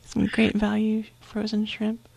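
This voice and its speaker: A woman co-hosting a prank call stream, chatting softly and casually and mostly agreeing. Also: medium pitch, completely flat delivery, unhurried, gravelly. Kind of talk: casual livestream chat.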